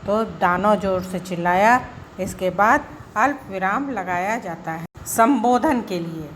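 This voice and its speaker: A woman teacher giving a school grammar lesson, explaining slowly and deliberately with examples. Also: medium pitch, animated, a little hiss or hum.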